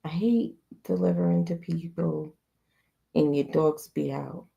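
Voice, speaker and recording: A woman's voice: deep voice, fairly even intonation, measured pace, gravelly, dark tone, husky, dull audio. A woman co-hosting a livestream, chatting bluntly and teasing her partner. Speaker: livestream co-host. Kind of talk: casual live chat.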